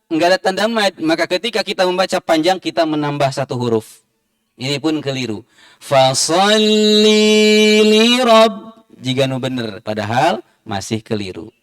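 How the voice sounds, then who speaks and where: A man's voice: a little high, no room sound, studio quality. A man teaching Quran recitation in a mosque, patiently repeating and spelling out each sound. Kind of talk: tajwid lesson.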